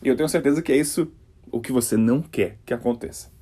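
A man from Brasília with a Brasília Portuguese accent, an English teacher giving an energetic podcast pronunciation lesson and acting out the sounds he teaches. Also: mid-range voice, fast talker, husky. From Brasília, Brazil. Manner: energetic, demonstrative, exaggerates sounds.

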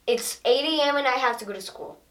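A woman playing a schoolkid daughter in a scripted learner dialogue, telling about her school day slowly and carefully. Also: high-pitched, fairly bright tone, echoey room, distant mic.

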